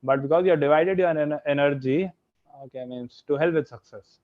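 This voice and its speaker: Sounding like it's over a phone, a young man with a slightly high voice and an Indian accent speaks briskly. He's a guest speaker and software engineer presenting an online slide lecture, padding his sentences with "okay" and "means" while posing questions to listeners.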